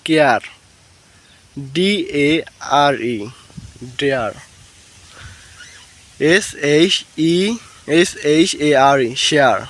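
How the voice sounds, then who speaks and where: A man with a slightly raised voice runs a patient phonics lesson. He spells each word out letter by letter and then pronounces it slowly. He repeats the rule between the examples, in a plain teaching tone. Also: fairly high pitch, expressive, fairly bright tone. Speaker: English reading teacher.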